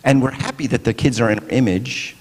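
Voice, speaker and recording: A man's voice: medium pitch, a little fast, a little mellow. A man giving a casual, conversational sermon in a church, often checking in with the listeners by asking "right?". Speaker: preacher. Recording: long church reverb.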